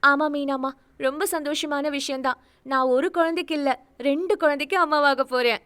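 A woman reading a story aloud voices a young pregnant woman who begs in a rushed, tearful way. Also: high voice, little pitch movement, a bit bright, no room sound, clean studio sound, pitched above the performer's own voice. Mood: joyful. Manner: tearful begging, rushed and urgent.

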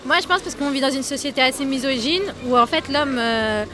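A young woman answers a street interviewer earnestly, pausing to look for her words, outdoors with a handheld mic. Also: high voice, background noise. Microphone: handheld mic held by interviewer.

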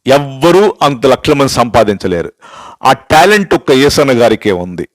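In a sing-song, medium-pitched voice at normal speed, an older man who is a pastor offers an emphatic testimony like a sermon, full of stories and repeated rhetorical questions. He shifts into English phrases to stress his points. The recording is dry and of low quality.

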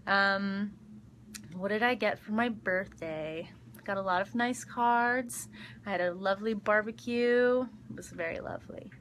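Bright-voiced young woman chatting casually. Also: mid-range voice, measured pace, a little hiss or hum. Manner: chatty, giggly, lots of ums. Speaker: actress answering fan questions. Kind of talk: casual live Q&A. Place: backstage dressing room. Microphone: phone livestream.

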